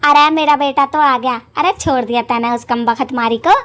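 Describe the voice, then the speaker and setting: A fed-up rustic mother from a cartoon story, played by a woman nags and complains in a high voice. Her speech is blunt and countrified. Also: moderate pace, a bit bright. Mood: complaining. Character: fed-up middle-aged mother, rustic, nagging.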